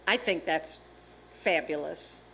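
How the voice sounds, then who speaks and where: A woman's voice: deep voice, slow, gravelly, very noisy. A woman co-hosting in casual studio banter, sympathetic and exclaiming often.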